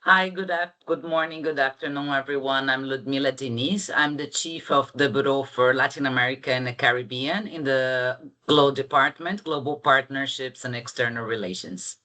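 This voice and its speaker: A woman's voice: a bass voice, normal speed, few pauses, sharp tone. A woman, a bureau chief, introducing herself on a webinar over a video call.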